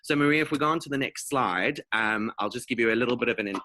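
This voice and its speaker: Bright-voiced man from South Africa. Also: mid-range voice, quick pace, a little hiss or hum. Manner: conversational, with frequent fillers and restarts. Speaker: guest speaker. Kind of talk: career talk to students.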